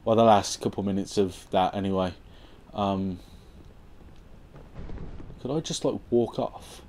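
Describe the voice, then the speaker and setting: A young man giving casual let's-play commentary on his game, sarcastic and swearing, with sudden loud outbursts at the game. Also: lowish voice, measured pace, slight background noise. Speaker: gameplay commentator.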